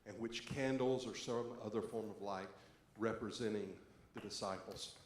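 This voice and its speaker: In a church sanctuary, a man serving as pastor opens the service and leads a scripture reading, his voice on the low side at a normal speed. The recording is echoey, with faint background noise.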